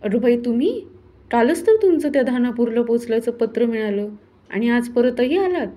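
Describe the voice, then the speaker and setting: Woman doing a middle-aged wife, caring, reserved, brisk and homely, mellow tone, storybook reading. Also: a little high, animated. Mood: surprised.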